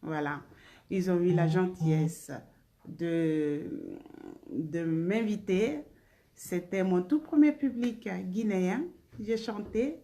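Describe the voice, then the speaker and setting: A woman's voice: on the low side, slow, dark tone. A woman singer hosting a casual live stream, greeting viewers by name and blowing them kisses between remarks.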